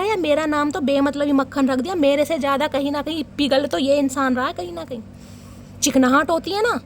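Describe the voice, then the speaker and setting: A woman's voice: sits high, a little hiss or hum. A woman doing a casual tarot reading for her viewers, chatty and teasing, laughing often and chanting short invocations while she shuffles. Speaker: tarot reader.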